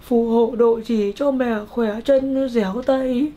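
A woman's voice: on the high side, steady tone, slow pace, mellow. A woman playing a grieving old grandmother in a comedy skit, lamenting and scolding.

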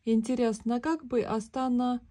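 A woman's voice: on the high side, fairly even intonation, normal speed, mellow, pitched above the performer's own voice, close to an everyday voice. A woman voicing a good-natured, muddled male teddy bear in a children's storybook reading, thinking aloud in an earnest, puzzled way. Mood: puzzled musing.

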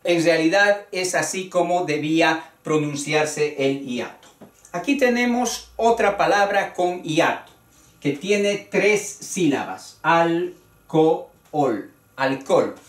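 Unhurried, deliberate teacher, off-mic in an echoey room. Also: mid-range voice, lively intonation, recorded from a distance. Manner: deliberate, spells out syllables one by one. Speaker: Spanish teacher. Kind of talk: spoken grammar lesson.

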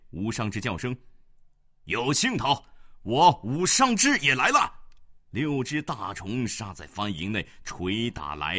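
A man telling a classical Chinese war novel as a dramatic storytelling reading. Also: on the low side. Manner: dramatic, with shouted character voices.

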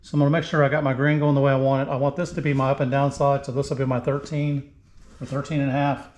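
A man's voice: medium pitch, flat delivery, fast talker, darkish tone. A middle-aged man explaining a woodworking project step by step as he works, in a casual, plain-spoken way, recorded on a camera mic in his home shop. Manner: plain-spoken, step-by-step, talks through each move as he works. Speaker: woodworking channel host. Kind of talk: casual how-to narration while working. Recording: echoey garage shop with faint noise.

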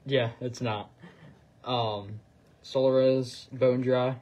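A man chatting casually as he demonstrates fly tying on a livestream, relaxed and full of trailing phrases. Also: mid-range voice, slow, highs cut off. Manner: relaxed, talks while working, fillers and trailing phrases. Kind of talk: casual instructional chat.

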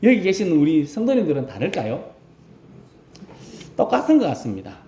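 A man's voice: on the high side, normal speed, a little hiss or hum. A male rural pastor preaching a Sunday sermon, asking his congregation questions as he goes. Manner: animated preaching, asks the congregation questions and acts out voices. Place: church sanctuary. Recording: roomy church echo.

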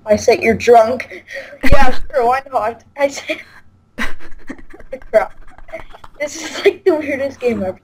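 A young woman playing a video game with a friend, yelping, laughing and reacting loudly. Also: sits high, slow, pauses often, crowd noise, rough recording. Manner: excitable, yelps and laughs at the game. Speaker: co-player. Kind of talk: casual let's play chat.

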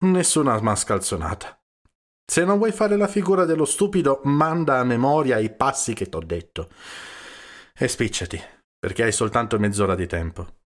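A man's voice: mid-range voice, expressive, normal speed, natural voice. A man voicing a sly, unflappable village priest in an audiobook, speaking in a dry, cutting, commanding way. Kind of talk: audiobook character reading.

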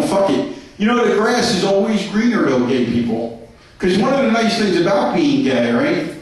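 A man doing a crude, brash stand-up set on a comedy club stage. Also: high-pitched. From New York. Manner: crude, brash punchlines to a laughing crowd. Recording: echoey club heard from a distance.

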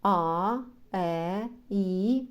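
A woman reading aloud as a pedantic philosophy teacher who lectures slowly and explains every detail. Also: a little high, very animated, dark tone, pitched above the performer's own voice. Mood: explaining. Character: pedantic middle-aged male philosophy teacher.

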